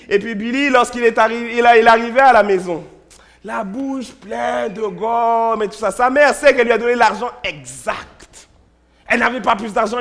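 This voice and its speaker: A male pastor whose voice sits high delivers a sermon in a church. He tells stories, repeats words and alternates between loud and hushed delivery.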